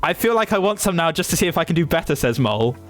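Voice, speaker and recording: Young man, casual stream chat, slightly high voice, swears a lot, faint music behind. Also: sing-song, racing. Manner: swears freely, chatty and self-interrupting.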